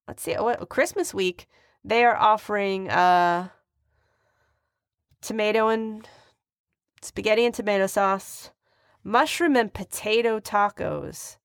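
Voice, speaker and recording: Woman podcast co-host, playful, teasing, dry close mic, mid-pitched. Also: slow pace, long pauses, clean tone, no echo. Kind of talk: casual chat.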